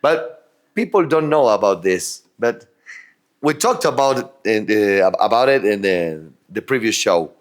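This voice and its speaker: A man's voice: fairly low pitch, animated, measured pace. A man from Argentina speaking English with an Argentine Spanish accent as a native Spanish speaker. He co-hosts a casual chat, talking enthusiastically with stumbling restarts and frequent laughter.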